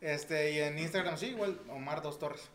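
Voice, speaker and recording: A man's voice: on the high side, normal speed, a bit bright, a little hiss or hum. A man with a Mexican accent, a podcast guest telling stories in a laid-back, slangy way. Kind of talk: casual podcast chat. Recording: roomy echo.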